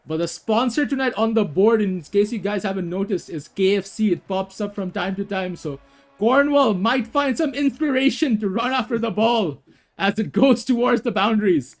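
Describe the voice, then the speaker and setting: A young man with a notably high voice talks through a cricket video game match in a loose, chatty way. He fills gaps with "you know" and "like" and breaks into laughter easily. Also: animated, normal speed, faint music behind. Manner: chatty, laughs often, fillers. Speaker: commentator. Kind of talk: casual gaming cricket commentary.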